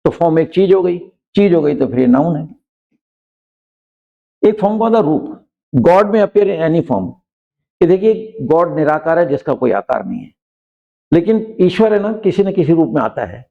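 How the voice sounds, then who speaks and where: A man teaching an English grammar lesson, explaining patiently and reading example sentences slowly, often checking in with his students. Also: a little high, big pitch swings, creaky, narrow, tinny audio. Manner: frequently checks in with listeners.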